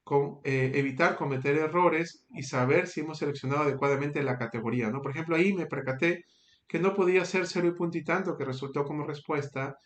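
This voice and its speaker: Male teacher, patient step-by-step explainer, fairly high voice, echoey room. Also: brisk. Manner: patient, checks in with frequent tag questions. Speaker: statistics teacher. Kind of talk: screen-recorded tutorial.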